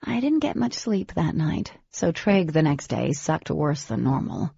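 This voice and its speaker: Husky low-voiced woman narrator. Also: big pitch swings, a little slow, dark tone, no room sound, lo-fi sound. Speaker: audiobook narrator. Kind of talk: first-person novel narration.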